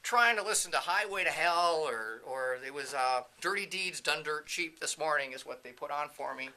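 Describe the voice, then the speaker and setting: A man whose voice sits fairly high, with lively intonation, moderate pacing, and a pushed, bright sound, chats his way through an improvised indoor tour. As CEO and presenter of a training company, he's walking through a video production facility. The clip has light background noise and room ambience.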